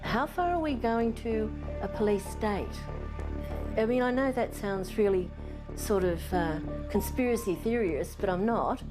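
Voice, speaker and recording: A woman's voice: medium pitch, a little slow. A woman in her sixties with an Australian accent, speaking plainly and with worry in an unscripted interview. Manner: worried, plain-spoken complaining. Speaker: retired nurse being interviewed. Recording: music under the voice.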